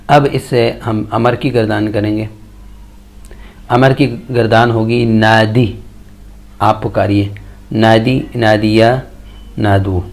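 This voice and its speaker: Male grammar teacher, low and monotone, steady list-chanting delivery. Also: gravelly. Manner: chants verb conjugation tables in steady measured lists. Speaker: Quran and Arabic grammar teacher. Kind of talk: slow recited grammar lesson.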